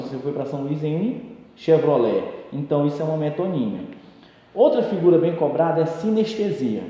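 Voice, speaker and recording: A man's voice: a little high, dark tone. A man giving an exam-prep grammar lesson, explaining each term through examples and leaning on fillers like "então" and "né". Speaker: teacher. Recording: echoey room with long reverb.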